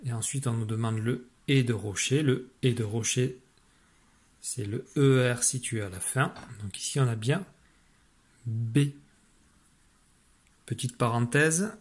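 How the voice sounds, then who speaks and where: A man's voice: medium pitch, measured pace, long pauses. A man teaching young children in an online spelling lesson, patiently dictating syllables and spelling out sounds and letters. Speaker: primary school teacher.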